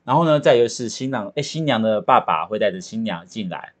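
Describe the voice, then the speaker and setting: A man, co-hosting a casual podcast chat and telling stories in an animated, joking way. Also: on the low side, a little fast. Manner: animated, chatty, jokey storyteller. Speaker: podcast co-host about to marry.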